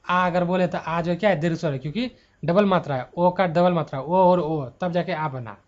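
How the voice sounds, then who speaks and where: A man's voice: fairly high pitch, normal speed. A man teaching a grammar exam-prep lesson into a mic at his laptop, thinking aloud and correcting himself as he goes. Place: at home before a laptop. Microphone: handheld mic at a laptop. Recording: dull lo-fi mic sound.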